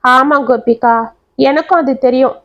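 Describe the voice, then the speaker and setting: Calm young husband, steady and explaining; woman reader voices him. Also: high voice, measured pace, dull audio.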